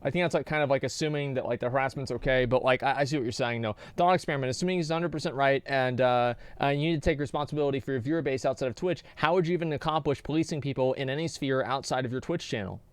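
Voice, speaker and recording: A male streamer chatting casually and reading out donations, rambling and restarting his words as he goes. He talks fast with a smooth, clear voice. The sound is dry and close. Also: medium pitch, no room sound. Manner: rambling, hesitant, repeats words.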